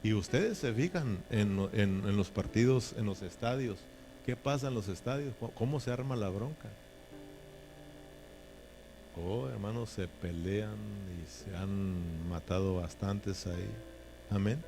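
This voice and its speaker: A man's voice: fairly low pitch, unhurried, background noise. A man preaching a sermon in a folksy, joking way, often checking in with his listeners. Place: church.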